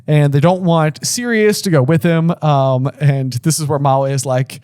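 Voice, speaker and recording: A man talks through a book chapter with his co-host in loose, rambling chat, his sentences full of "like" and restarts. His voice sits a little high, and the sound is close and dry with no room around it. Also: moderate pace, a little mellow, clear, resonant tone, no room sound. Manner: rambling, heavy use of "like", restarts. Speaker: podcast co-host. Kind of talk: casual book-discussion chat.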